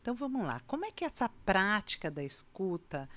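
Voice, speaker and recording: A Brazilian woman hosts a casual podcast chat, her pitch swinging widely as she talks. She is animated and acts out scenes with vivid voices. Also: a little fast. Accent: Brazilian Portuguese. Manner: animated, acts out scolding parents in a shrill voice. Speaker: podcast host.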